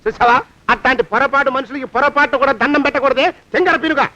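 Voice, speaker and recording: A blustering vain boss, high and fast. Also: male voice, no echo, exaggerated voice. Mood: alarmed. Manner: blustering, excitable, bossy. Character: blustering vain middle-aged man, bossy master. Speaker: comic lead in a film scene. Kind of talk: film comedy acting. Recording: dull dry film audio.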